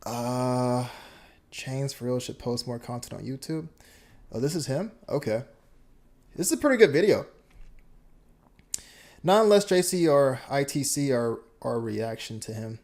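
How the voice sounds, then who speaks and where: Male streamer, casual reaction chat, rambling, filler-heavy, mid-pitched voice. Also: lively intonation, measured pace, pauses often, darkish tone. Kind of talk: casual live reaction commentary.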